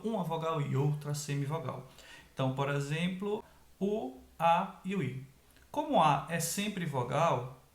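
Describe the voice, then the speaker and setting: A man teaching an online grammar lesson, explaining step by step and checking in with quick tag questions. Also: fairly high pitch, reverberant.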